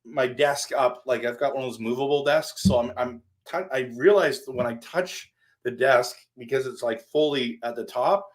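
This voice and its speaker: A man's voice: medium pitch, normal speed. A man hosting a casual live stream, rambling and answering his viewers by name while standing at his desk.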